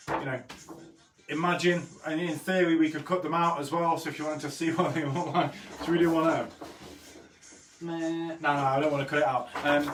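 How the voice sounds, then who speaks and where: A man chatting casually as he hosts a live drawing lesson, easygoing in manner, pronouncing his r sounds like w. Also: fairly high pitch. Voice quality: says w for r. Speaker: host of an online drawing lesson. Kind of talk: casual live-stream chat while drawing. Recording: roomy echo, distant mic, faint noise.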